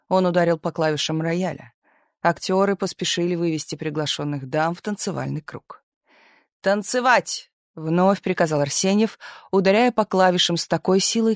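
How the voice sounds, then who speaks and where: A narrator reading a novel aloud in scripted narration with an even storytelling delivery. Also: mid-range voice, no room sound. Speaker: audiobook narrator.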